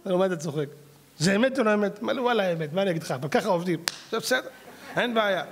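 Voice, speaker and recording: A man's voice: high voice, animated. A middle-aged man, a rabbi, telling a story in a sermon and acting out both sides of a conversation. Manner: acts out both sides of a dialogue with a salesman.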